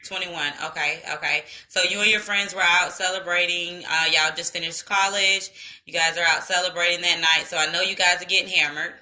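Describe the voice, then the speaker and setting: A woman's voice: on the low side, fairly even intonation, brisk, sharp tone. A woman hosting an interview, asking casual, direct questions and saying "y'all.". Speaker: interview host.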